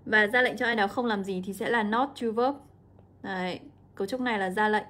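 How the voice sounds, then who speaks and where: A young woman, an English teacher walking students through an exam, drawing out example words slowly. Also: mid-range voice, a bit bright. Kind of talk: exam walkthrough lesson.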